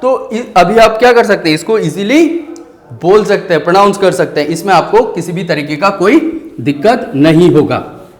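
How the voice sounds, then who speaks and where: Male schoolteacher with a high voice, patient and questioning, stretches out sounds for the class, recorded in a roomy space. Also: expressive. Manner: explains slowly, asks questions and answers them himself; drawls vowel sounds out syllable by syllable. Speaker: teacher. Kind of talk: online Hindi grammar lesson.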